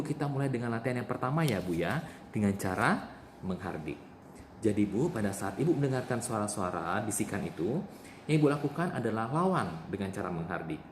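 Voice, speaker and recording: A man's voice: lowish voice, darkish tone. A man playing a nurse in a role-play demonstration, patiently repeating the patient's answers back to her. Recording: echoey room with faint noise.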